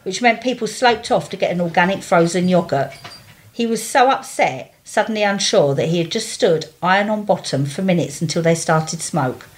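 A woman with an East London accent, reading a story aloud with blunt, chatty asides in an animated way. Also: fairly low pitch, moderate pace. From East London, England.

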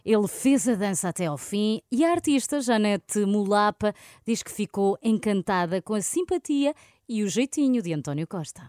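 A woman's voice: medium pitch, lively intonation, normal speed, mellow, no echo. A woman with a European Portuguese accent co-hosting a comic podcast in a wry, teasing manner. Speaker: co-host.

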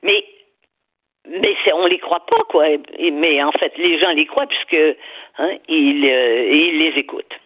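A woman's voice: deep voice, measured pace, breathy edge. A woman giving strong opinions in a radio chat, often repeating words as she searches for them. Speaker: guest commentator. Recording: phone-line sound.

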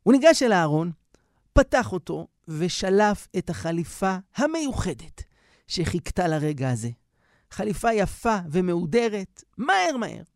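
A man who is a rabbi telling stories on a radio show, animated and acting out the scenes. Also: sits high, no echo, studio quality. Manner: animated storyteller, acts out scenes. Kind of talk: radio storytelling.

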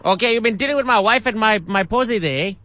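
An indignant, pushy middle-aged man demands his lost grass, as a male prank caller puts him on. His voice sits high and sounds bright and forceful. He speaks in clipped, broken phrases. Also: fast talker, no echo. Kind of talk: prank phone call.

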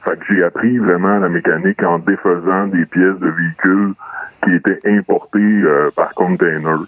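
A man with a disguised, pitched-down voice, telling his story as a radio guest in a halting way with many pauses. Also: fairly even intonation, no echo. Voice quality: hesitant, many filler pauses. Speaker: radio guest, mechanics teacher. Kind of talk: casual radio call-in confession. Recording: thin phone-like line, dry.

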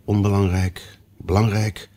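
A man's voice: on the low side, little pitch movement, a little slow, warm tone, lightly acted. A man doing a pompous, flustered king. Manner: pompous, hasty. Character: pompous, flustered old king presiding over a court.

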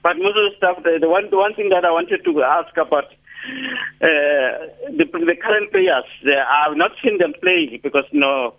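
A man from the Free State calling in to a radio show, heard over a clipped telephone line and talking haltingly as he searches for words. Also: fairly high pitch. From Free State, South Africa. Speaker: radio caller. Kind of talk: call-in radio comment. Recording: tinny lo-fi phone line.

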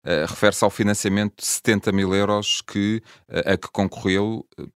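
Portuguese guy interviewing, very deep voice, dry close sound, sums things up for listeners. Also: fairly even intonation, moderate pace, clear, resonant tone, no room sound. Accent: European Portuguese. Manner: explains and rephrases for listeners. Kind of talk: interview questions.

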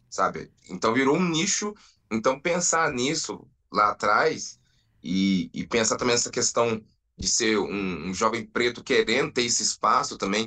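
A man in his thirties, a band founder, telling his story in an earnest, drawn-out way with pauses. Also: mid-range voice, sharp tone. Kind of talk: reflective storytelling.

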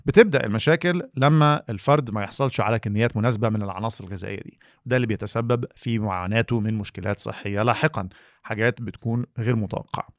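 A man's voice: fairly low pitch, rapid-fire, dry recording, clean studio sound. A man with an Egyptian Arabic accent, co-hosting a podcast in a partly scripted presenting style. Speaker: co-host.

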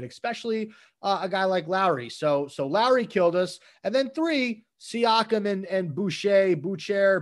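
A man with a slightly high voice co-hosts a casual sports talk show. He gets animated as he runs through game stats and recaps the action, stacking up numbers as he goes. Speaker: sports podcast co-host.

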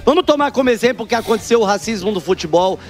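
A man's voice: sits high, lively intonation, racing. A man working as a street reporter, pushy and jokey, teasing passers-by outdoors at a lunch spot. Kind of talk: provocative comic street interviews.

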